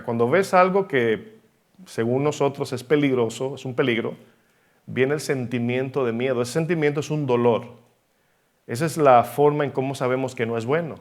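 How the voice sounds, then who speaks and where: A man preaching a sermon in Spanish-language church style, emphatic, asking rhetorical questions and varying his pace. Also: mid-range voice.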